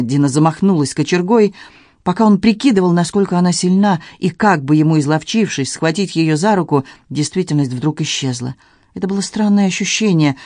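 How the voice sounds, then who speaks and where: A man reads a novel aloud in a measured, even storytelling voice that sits slightly high for a man. The recording is close and bone-dry, with no room sound. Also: dry recording. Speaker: audiobook narrator. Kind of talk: scripted narration.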